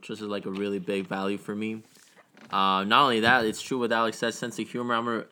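Loud playful young man, low voice. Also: little pitch movement, fairly quick. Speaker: podcast guest. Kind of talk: casual chat.

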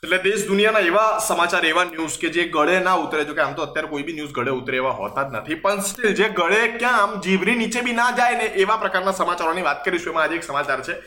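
A man's voice: high voice, quick pace, few pauses, bright, forceful tone. A young man hosting a comedic mock news monologue, sarcastic, mixing in English words. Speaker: host. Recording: echoey room.

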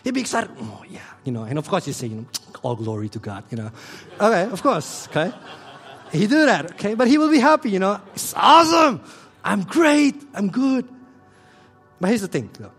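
Animated preacher man, hushed to loud. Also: sits high, quick pace, breathy edge, soft background music. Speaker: pastor. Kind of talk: sermon.

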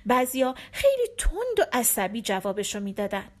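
A woman narrating a folk tale for listeners, expressive and acting out the characters. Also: fairly high pitch.

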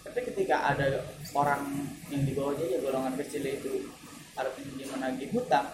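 A man's voice: medium pitch, brisk. A man retelling a religious story in casual chat, acting out the quoted speakers. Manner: animated, acts out quoted speakers. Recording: echoey room with background noise.

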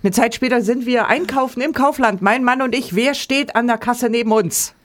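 A woman telling lively anecdotes in casual chat, laughing often and acting out quotes. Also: a little high, normal speed.

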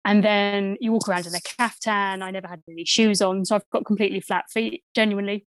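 A woman's voice: medium pitch, fairly even intonation, quick pace, dry recording. A woman in her thirties with an Essex accent, chatting casually as an interview guest in a playful, self-deprecating way. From Essex, England. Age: 30s. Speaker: podcast guest, university archaeologist.

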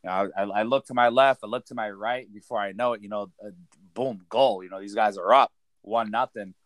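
A man's voice: lowish voice, steady tone, fairly quick, fairly bright tone, no echo. A man co-hosting a casual sports podcast, talking in slang and often repeating his phrases. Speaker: podcast co-host.

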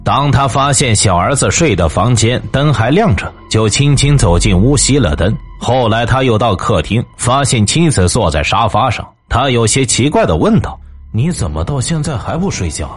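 A man's voice: medium pitch, normal speed, few pauses, husky, faint music behind. A man hosting a show, telling a true-crime case as scripted narration. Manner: storytelling, lively intonation. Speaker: host.

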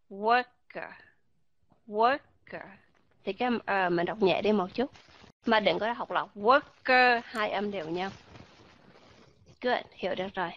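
A woman with a fairly high voice leads an online pronunciation lesson. She talks patiently and repeats example words slowly to show each sound. The recording is dry and a little dull and lo-fi. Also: fairly bright tone, dry recording. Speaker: pronunciation teacher.

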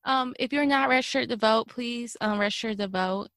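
Co-host: bright, chatty woman, dry close mic. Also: on the high side, moderate pace, dry recording. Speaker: podcast co-host. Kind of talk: casual group chat.

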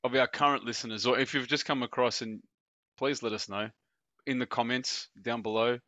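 A man's voice: medium pitch, steady tone, a little fast, bright, forceful tone, dry recording. A man co-hosting a podcast, chatting casually and joking with frequent laughs. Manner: jokey, laughs often, bantering. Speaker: podcast co-host. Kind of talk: casual chat.

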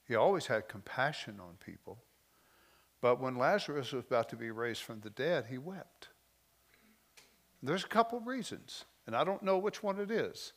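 A man preaching a sermon, moving between slow, emotional lines with soft drops and loose, conversational asides. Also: medium pitch. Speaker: pastor.

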